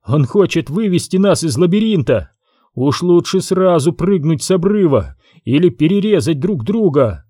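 A man voicing a crazed, vicious teenage boy who shrieks and yells in a frenzy. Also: high voice, big pitch swings, extremely slow, no echo, studio quality, voice pushed up, exaggerated voice. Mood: raving. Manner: shrieking, frantic yelling.

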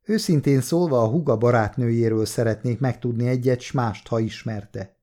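A man reading the lines of a courteous male police detective who asks gentle, persistent questions, in an audiobook. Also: mid-range voice, natural voice.

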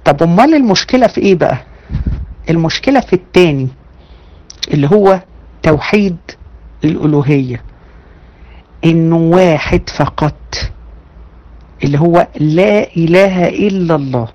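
A woman with an Egyptian Arabic accent gives an online religion lesson to her women students. Her delivery is lively and conversational, full of rhetorical questions to the class. She slows down and leans on the points she wants them to remember. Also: deep voice, lo-fi sound. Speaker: religion teacher.

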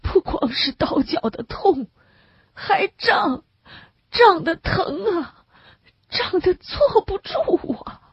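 A woman's voice: high-pitched, expressive, vocal fry, no room sound, pitched above the performer's own voice, heavily acted. A woman voicing a sick middle-aged male camp inmate who wails and chokes on tears as he speaks. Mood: sobbing. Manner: wailing, choked with tears, drawn-out. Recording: dull lo-fi recording.

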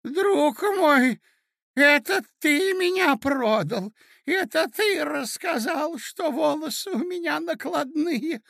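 A man's voice: very high-pitched, expressive, slow, creaky, fairly bright tone, no echo, clean studio sound, pitched above the performer's own voice, heavily acted. A man voicing a frail, muddled elderly prince who speaks in a quavering, plaintive way. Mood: fretful. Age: older.

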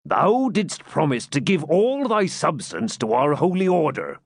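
A man voicing a brawling, boastful burly friar, speaking bluff archaic English in a raised, drawn-out voice. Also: a little high, big pitch swings, slightly rough, dry recording, studio quality, voice pushed up, full character voice. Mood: blustering. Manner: bluff, blustering archaic speech.

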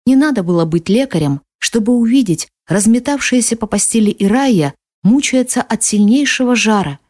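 A woman narrating a first-person audiobook in an expressive, sometimes hushed manner. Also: fairly high pitch, normal speed, dry recording, clean studio sound.

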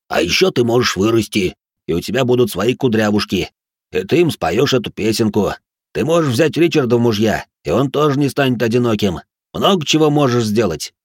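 A man's voice: medium pitch, expressive, fairly quick, no echo, studio quality, natural voice. A man voicing a blunt male ex-soldier who speaks in a mocking, slangy way. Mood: gentle.

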